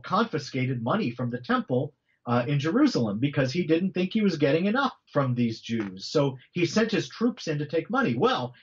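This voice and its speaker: A man's voice: fairly high pitch, highs cut off. A middle-aged man, an author, explaining early church history in a conversational, teacherly way with frequent asides. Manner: animated, explanatory, with frequent "you know" and repeats. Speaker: author and guest on a faith podcast.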